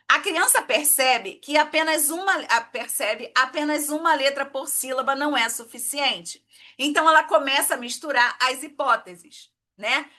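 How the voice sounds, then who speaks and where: Woman teacher, clear, high-pitched, explains patiently and keeps checking the class follows. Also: pushed and bright. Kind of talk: exam-prep lesson.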